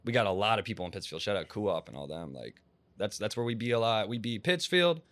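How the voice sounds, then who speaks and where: A man's voice: fairly low pitch, lively intonation, fast talker, a bit bright, no echo. A young man from Massachusetts, a rapper talking in a casual interview, rambling and slangy, with restarts and plenty of profanity.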